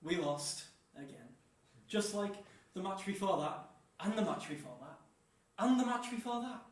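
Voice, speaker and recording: A young man, performing an animated one-man theatre monologue with dramatic pauses. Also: high voice, far from the mic. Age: 20s. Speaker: solo stage performer. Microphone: distant room mic. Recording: echoey room, voice from afar.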